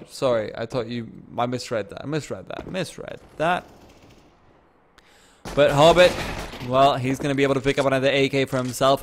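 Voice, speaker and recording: A man doing fast play-by-play commentary on an esports match, getting excited on big plays and throwing in self-deprecating asides. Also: medium pitch, a little hiss or hum.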